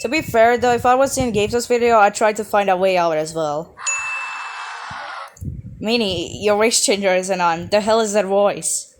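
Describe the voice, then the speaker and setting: A woman's voice: mid-range voice, steady tone, a little fast, noisy background. A woman giving sarcastic roast commentary, snarky and full of swearing.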